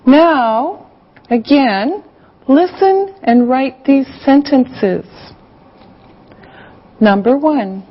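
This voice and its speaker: A woman with a high-sitting voice delivers dictation and classroom directions as an encouraging English teacher, enunciating with care. Her heavily acted, animated delivery is extremely slow, broken by long pauses, and her mood is patient and instructive. The scripted lesson comes through in slightly dull lo-fi sound.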